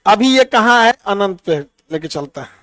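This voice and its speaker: A man's voice: high voice, lively intonation, normal speed, fairly bright tone, dry recording. A middle-aged man teaching a physics lesson in a classroom, quizzing and teasing his students by name.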